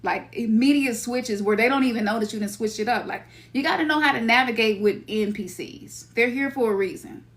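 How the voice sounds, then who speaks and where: This woman talks briskly with few pauses, her voice on the high side. A middle-aged spiritual teacher from Memphis, Tennessee, she has a Memphis Southern accent and keeps her talk to listeners casual, loose, and slangy, sometimes acting out what her inner voice says.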